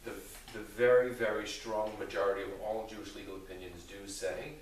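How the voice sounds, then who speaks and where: A man speaking as a rabbi, answering theological questions in a deliberate, thoughtful way with careful qualifications. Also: lowish voice, steady tone. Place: reverberant indoor room with an audience. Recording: very echoey room, distant mic, faint noise.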